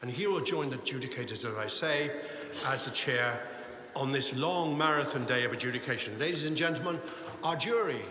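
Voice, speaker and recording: A man's voice: mid-range voice, fairly quick, noisy background. A man announcing choirs and judges at a live cathedral competition, chatty and correcting himself as he goes. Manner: chatty, self-correcting, apologetic asides. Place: large cathedral. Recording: echoey cathedral with long reverb.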